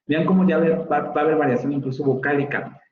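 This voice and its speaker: A man with a Mexican Spanish accent teaches a university phonetics class, explaining points and repeating example words so students can hear how they're pronounced. His voice is fairly high, steady in tone, and fast. The audio is roomy and slightly dull, with faint ambience in the background.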